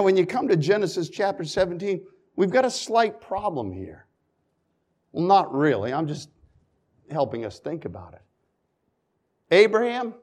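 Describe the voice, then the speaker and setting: This sermon comes from a man with a rather high-pitched voice who reads scripture in old-style language. Between passages he softens into homespun asides, then builds again to forceful, loud points.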